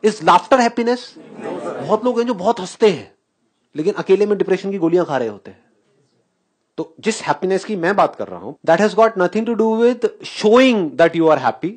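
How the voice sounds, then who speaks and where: Animated man giving a lively live talk. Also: high voice, normal speed, breathy edge. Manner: animated, questioning, often laughing; mixes English phrases into Hindi. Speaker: spiritual speaker.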